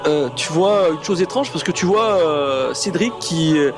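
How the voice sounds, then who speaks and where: A man improvising tabletop game narration as game master, in a hesitant, halting way, with music behind him. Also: on the high side, lively intonation.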